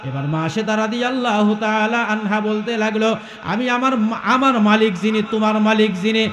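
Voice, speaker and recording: High-voiced chanting preacher man. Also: moderate pace, fairly bright tone, roomy sound, slight background noise. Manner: calls out questions to the crowd and breaks into melodic chanting. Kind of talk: Bangla waz sermon, chanted storytelling.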